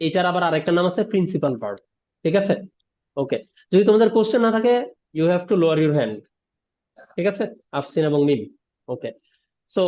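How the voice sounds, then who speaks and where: Fast, high-voiced teacher. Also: male voice, a little mellow. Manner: explains word by word, mixing English terms, asks "ঠিক আছে?". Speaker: English teacher. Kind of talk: online class lecture. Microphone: video call. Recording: dull lo-fi online class audio.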